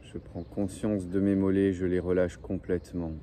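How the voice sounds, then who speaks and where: A man leading a guided breathing and relaxation meditation in slow, soothing, repetitive phrases, like a relaxation guide. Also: sits low, flat delivery, mellow. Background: faint birdsong and ambient noise.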